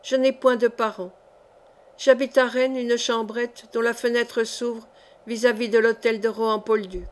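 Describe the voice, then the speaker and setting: A woman's voice: on the high side, flat delivery, unhurried, close to an everyday voice. A woman reading the lines of a poor young orphan man who mocks old legends, in an audiobook. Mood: earnest. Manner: light, teasing storyteller.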